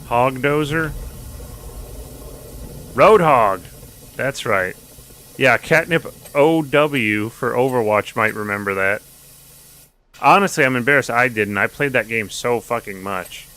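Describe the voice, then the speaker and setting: A man's voice: mid-range voice, slow, long pauses, pushed and bright. A man streaming a video game, chatting casually with jokes and swearing as he plays. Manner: chatty, joking, profane. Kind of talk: casual gameplay commentary.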